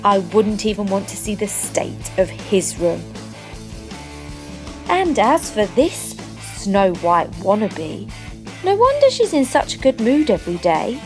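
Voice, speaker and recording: Taking it slowly in a sing-song, medium-pitched voice, a young woman gives scripted storybook narration as a sardonic, knowing fairytale narrator. A music bed runs under her voice-over.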